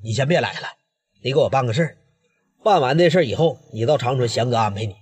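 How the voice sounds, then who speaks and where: Man doing Northeastern big brother, husky, stern and protective. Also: fast talker, in a large hall. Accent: Northeastern Mandarin. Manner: low and steady, turning fierce. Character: respected gang leader, adult male, protective, hot-tempered.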